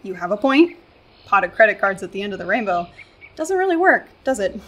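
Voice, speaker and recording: A young American woman in a radio play plays a hiker who is sarcastic, exasperated and incredulous. Her mid-range voice is very animated, a bit bright, and fairly quick.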